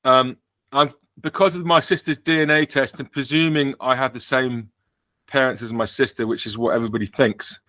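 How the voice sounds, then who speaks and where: A man's voice: medium pitch, fairly even intonation, moderate pace, bright, forceful tone, no room sound. A man with an English accent hosting a casual podcast chat, joking dryly and poking fun at himself. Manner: dry, joking, self-mocking. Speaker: podcast host.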